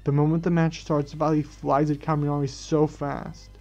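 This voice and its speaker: Man narrating a fan story, slightly high voice, mellow tone, stumbles and restarts, dull lo-fi sound. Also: little pitch movement, moderate pace, soft background music. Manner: stumbling restarts and self-corrections. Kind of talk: reading a fan story aloud. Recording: dull lo-fi recording.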